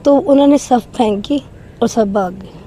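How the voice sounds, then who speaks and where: A woman with a high, soft, mellow voice tells her own story in an interview. Her voice trembles, and she speaks in an earnest, emotional way. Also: slight background noise. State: trembling voice, shaken. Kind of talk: recounting a personal experience in an interview.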